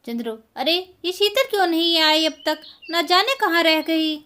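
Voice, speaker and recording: A bossy older village mother-in-law scolds her daughter-in-law, as a woman acts her out. The storybook voice is very high, with a sharp, bright edge and a tense push. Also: animated, moderate pace, heavily acted. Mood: stern. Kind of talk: storybook voice acting.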